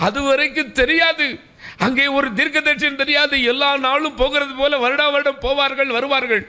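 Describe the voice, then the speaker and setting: Male preacher, very high and bright voice, impassioned sermon delivery. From South India. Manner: impassioned, calls for amens, acts out quoted laments. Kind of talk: Tamil sermon.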